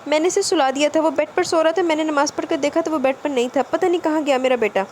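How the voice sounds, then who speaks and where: A woman's voice: high voice, lively intonation, darkish tone, slight background noise. A woman voicing a young wife and stepmother who pleads in tears. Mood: frantic tearful. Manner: pleading, crying. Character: young stepmother, gentle, frantic and tearful.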